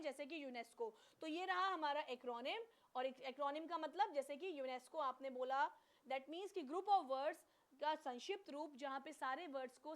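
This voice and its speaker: A woman's voice: high voice, a bit bright. A woman teacher giving an online class, who asks questions and then answers them herself, and switches between Hindi and English.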